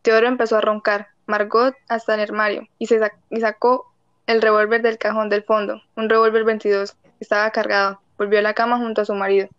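A woman narrating a short story in an even, matter-of-fact reading. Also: mid-range voice, fairly quick, clean tone, dry recording, highs cut off. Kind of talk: scripted audiobook narration.

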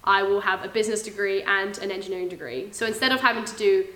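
A young woman from England hosting a casual podcast chat, loud and quick to laugh at herself. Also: mid-range voice, echoey room. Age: young adult. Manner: loud, laughing, self-mocking. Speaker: podcast host, engineering student.

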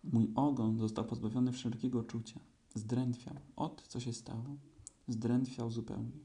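A man voicing a gloomy, self-pitying old donkey in a storybook reading, talking slowly and sulkily. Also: mid-range voice, little pitch movement, warm tone, natural voice. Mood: grumbling. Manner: slow, sulky, complaining.

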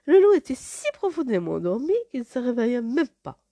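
A woman narrating a fairy tale in an expressive, dramatic read-aloud manner. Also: fairly high pitch, fairly quick, no room sound. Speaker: storyteller.

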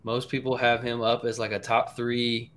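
A man's voice: mid-range voice, flat delivery, normal speed, fairly bright tone. Male sports podcast panelist, medium register, casual analysis, slight background noise.

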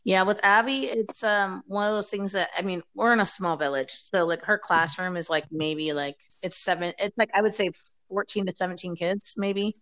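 A woman's voice: medium pitch, normal speed, a bit bright, rough recording. A woman from the United States chatting casually as a podcast guest over a video call, rambling with many fillers. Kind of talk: casual chat.

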